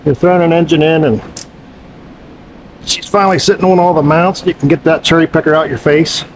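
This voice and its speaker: A folksy mechanic jokes and drawls while he works on an engine, his voice sitting a bit high for a man. A light hum of shop noise stays under him in the garage. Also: fairly even intonation, brisk, rough recording. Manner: joking, folksy, drawling country talk. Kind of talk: casual shop talk while working.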